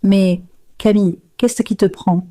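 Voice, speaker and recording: A bewildered husband pours out hurried, anxious questions, as a woman narrator reads his part. His voice is a little raised and sits mellow and dark. It sounds dry and close, like a storybook read aloud. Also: mid-range voice, fairly even intonation, dry recording, natural voice. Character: bewildered husband returning in a hurry.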